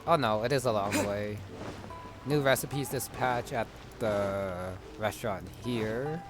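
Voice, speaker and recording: While playing a video game, a man talks through his playthrough in short, casual asides to himself, taking it slowly in a fairly low voice. The recording carries game music in the background.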